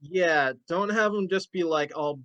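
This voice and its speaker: A man's voice: fairly high pitch, measured pace, a bit bright, no room sound, highs cut off. A man hosting a casual talk show, rambling through game lore with plenty of fillers and restarts. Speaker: host. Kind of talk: casual podcast chat.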